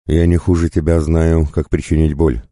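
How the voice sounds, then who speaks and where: A man's voice: extremely low pitch, flat delivery, normal speed, warm tone, no echo, clean studio sound, voice pushed up. A man voicing a young prince, bitter and cold in his anger. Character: young boy prince, proud and vengeful.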